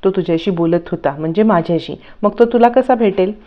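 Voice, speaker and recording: A woman voicing a sharp young woman who questions her older sister insistently, in a TV serial recap. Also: mid-range voice, a little fast, muffled recording, lightly acted.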